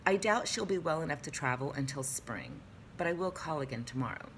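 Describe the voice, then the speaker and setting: A woman's voice: low-pitched, expressive, brisk, a bit bright, a little hiss or hum. A woman reading the lines of a formal, alarmed old-fashioned male doctor in a storybook reading.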